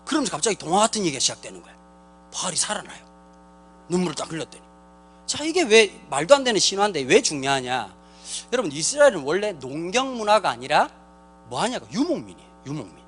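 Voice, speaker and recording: A man pastor delivers a comic sermon at a rapid clip, his voice swinging high and low as he jokes. He talks in slang, throws questions straight at the crowd and slips into quick character voices. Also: a bit bright. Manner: joking, slangy, quizzes the crowd directly. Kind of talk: lively comic sermon to a congregation.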